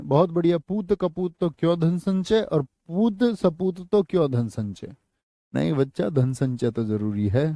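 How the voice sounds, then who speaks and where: A male Hindi teacher with a North Indian accent, teaching an online exam-prep class. He repeats each phrase slowly for students to note down and slips into casual asides to them. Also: fairly high pitch, dark tone, no echo. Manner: slow, repeats phrases for dictation.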